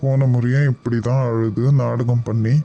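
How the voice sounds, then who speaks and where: A man's voice: mid-range voice, flat delivery, moderate pace, gravelly, warm tone, dull audio, lightly acted. A man voicing a stern middle-aged husband and father who talks in a curt, skeptical way. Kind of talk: cartoon voice acting.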